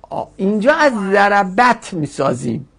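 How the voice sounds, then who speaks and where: A man teaching Arabic grammar in a classroom lecture, explaining forms step by step and repeating them slowly for students. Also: high-pitched, very animated, creaky, fairly bright tone, slightly rough.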